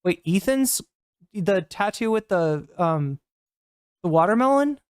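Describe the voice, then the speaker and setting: A woman streaming to her chat, reacting to clips in a blunt, heated way and swearing freely. Her voice sits in an ordinary middle pitch. The sound is close and dry, with no room echo. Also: animated, measured pace, darkish tone, clear, resonant tone. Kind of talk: casual livestream commentary.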